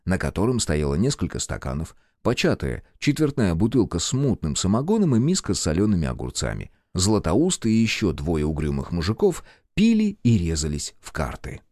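A man narrating an audiobook in an expressive storytelling manner. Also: low-pitched, moderate pace, few pauses, no room sound, studio quality.

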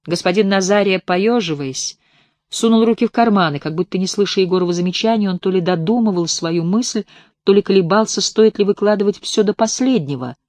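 A woman narrates a mystical story for an audiobook, measured and even. Her reading is steady and literary. The recording is dry and close. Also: mid-range voice, no echo. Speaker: audiobook reader.

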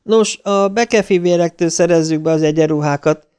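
Calm, soothing switchboard lady, pitched well up , played by a man. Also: clean tone, lightly acted. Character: soothing female bank switchboard operator.

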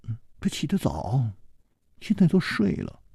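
A bashful young village woman, as a male storyteller puts her on, speaks in breathy, coy half-whispers. Her pitch rises and falls widely while the pace stays slow. The sound is dry and close. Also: huge pitch swings, warm tone, no room sound, heavily acted. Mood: coy, flustered.

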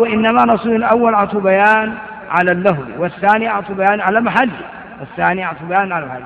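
An older man teaching grammar in a fairly high voice. He reads from a text, then explains it by repeating examples and asking "why?" The recording sounds tinny like a phone line and has a long hall echo.

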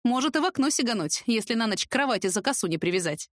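A man's voice: extremely high pitch, lively intonation, fast talker, a bit bright, no room sound, clean studio sound. A woman reading a cocky young man who mocks and teases in a lazy drawl, in a storybook voice. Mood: mocking. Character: cocky young man, smug teasing charmer.

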